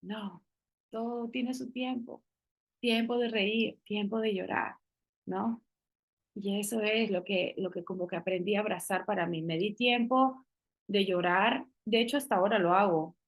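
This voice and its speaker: A woman's voice: mid-range voice, normal speed. A middle-aged woman sharing a personal faith testimony in a casual conversation, speaking earnestly with many restarts and the odd English phrase.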